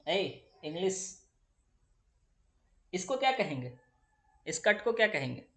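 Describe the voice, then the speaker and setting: A man's voice: high-pitched, sing-song, slow pace, fairly bright tone. A young male physics teacher, lecturing chattily and answering his own questions for the students. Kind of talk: classroom lecture. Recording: echoey room.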